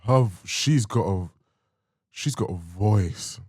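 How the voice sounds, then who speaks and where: Male reaction host, lowish mellow voice, informal and musing, close dry sound. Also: lively intonation, slow, breathy edge. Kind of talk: casual reaction commentary.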